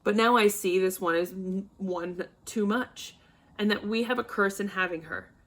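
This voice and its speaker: Brief: woman as a furious old nobleman father, bossy and loud, shouting bursts, classroom play reading. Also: medium pitch, normal speed, lightly acted.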